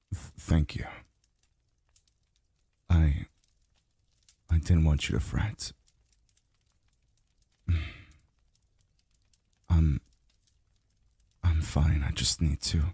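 A man voices a tired, tender immortal being soothed by his lover in ASMR roleplay, weary and reluctant, his voice extremely low, gravelly, husky and breathy. Heavily acted, he murmurs in halting, very slow phrases broken by soft sighs. It's recorded on a close, dry mic with no echo.

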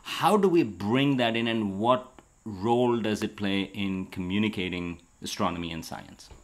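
With a handheld interview microphone held toward him, a middle-aged man who educates about astronomy and co-hosts a show chats casually about science. His voice runs on the low side at a moderate pace. He's indoors at a table in a bright room.

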